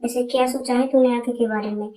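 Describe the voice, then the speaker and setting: A blunt young woman, voiced by a woman scolds her friend in a storybook reading, bossy and direct. Her voice is slightly high and held flat. It sounds echoey, recorded from a little distance. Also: fairly quick, natural voice. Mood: scolding. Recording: roomy, from a distance.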